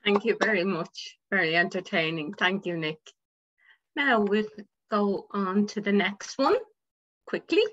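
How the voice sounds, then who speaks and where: A woman running a speaking club meeting as topic master, briskly thanking speakers and calling the next one over a video call. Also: medium pitch, a bit bright. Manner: brisk, cheerful moderating. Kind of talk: meeting moderation. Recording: dull lo-fi video call audio.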